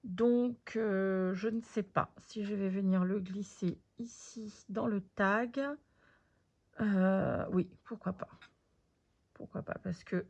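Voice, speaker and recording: A woman chatting casually while showing her craft project, thinking aloud with lots of fillers and pauses, sometimes dropping to a soft whisper. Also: medium pitch, fairly even intonation. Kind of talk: casual craft video commentary.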